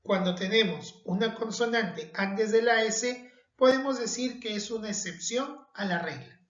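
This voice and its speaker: A woman teaching a recorded spelling lesson, speaking slowly and carefully and stressing each example word. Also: mid-range voice. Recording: dull echoey room.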